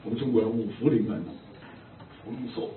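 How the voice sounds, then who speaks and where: A man's voice: fairly low pitch, a little fast, a little hiss or hum. An older man preaching a sermon as a pastor, telling humorous anecdotes. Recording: distant echoey phone-like recording.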